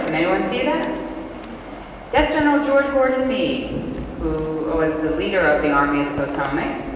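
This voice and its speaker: A man leading a live guided tour, talking informally and asking the group questions, recorded on an old VHS home-video tape. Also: sits high. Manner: informal, asks the crowd questions. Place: large indoor exhibition hall. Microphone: camcorder mic at a distance. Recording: echoey hall, far off, audible hiss.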